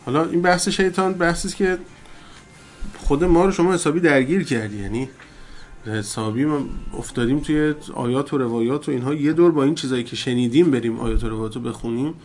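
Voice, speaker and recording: A man teaching religion in a question-and-answer session, turning loud and emphatic as he preaches. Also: medium pitch, faint music behind.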